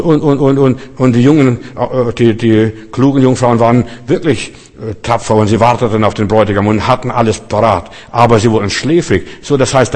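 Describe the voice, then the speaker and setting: A man's voice: mid-range voice, darkish tone. Man preaching in a reverberant hall. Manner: conversational preaching with restarts and stammered repeats. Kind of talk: sermon.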